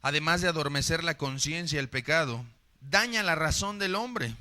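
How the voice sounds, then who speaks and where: A man's voice: on the high side, animated, normal speed, sharp tone. A man with a Mexican accent preaching a sermon, dramatic and full of rhetorical questions aimed straight at the congregation.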